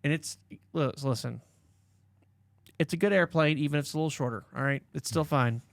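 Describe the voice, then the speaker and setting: A man hosts a podcast, his voice sitting a little high for a man. He rambles and jokes with mock seriousness. The sound is close and dry. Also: fairly quick, vocal fry, no echo. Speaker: podcast host. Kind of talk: casual podcast chat.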